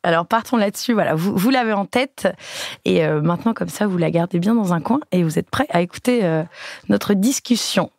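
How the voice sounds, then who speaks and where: A woman's voice: lowish voice, brisk, vocal fry, darkish tone, no echo, studio quality. Curious woman podcast host. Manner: friendly, curious questioning. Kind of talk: casual interview questions.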